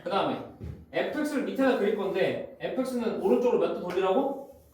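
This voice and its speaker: High-voiced male math teacher in echoey classroom. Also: animated, darkish tone. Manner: constantly checks students' understanding, brisk and informal. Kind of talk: classroom lecture. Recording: very echoey room, far from the mic, faint noise.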